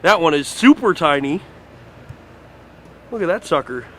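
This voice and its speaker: A man's voice: fairly high pitch, expressive, unhurried, a bit bright. Enthusiastic man on an outdoor site tour. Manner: enthusiastic, rambling with fillers. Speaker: fan site video host. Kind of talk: casual walking site tour.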